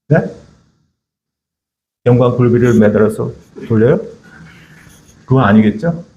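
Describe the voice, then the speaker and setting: A man's voice: medium pitch, dark tone, lo-fi sound. Male missionary preacher in a conversational sermon style, church room with echo, slight background noise. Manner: conversational, keeps asking the congregation "예?"; reads Bible verses slowly in English and Korean.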